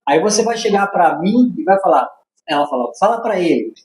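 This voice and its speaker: A man's voice: high voice, fairly quick, crowd noise. A man with a Brazilian Portuguese accent telling a story as a podcast guest, acting out the dialogue with laughs. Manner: animated, acts out dialogue with laughs. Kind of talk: casual storytelling. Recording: echoey room.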